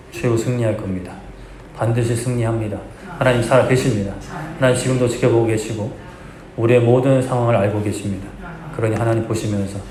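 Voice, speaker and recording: A man's voice: on the low side, darkish tone. A male pastor preaching a sermon in an earnest, exhorting way, with conversational asides to the congregation. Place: church sanctuary. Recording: echoey church hall, faint background hum.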